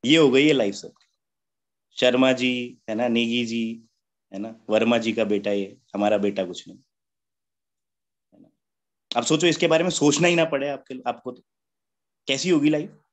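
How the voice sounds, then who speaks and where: A man's voice: mid-range voice, moderate pace, long pauses. A man giving a motivational seminar talk at a business meeting, chatty and joking, who keeps asking rhetorical questions. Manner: rhetorical questions with a constant "है ना?" tag; chatty, joking, laughs at his own points.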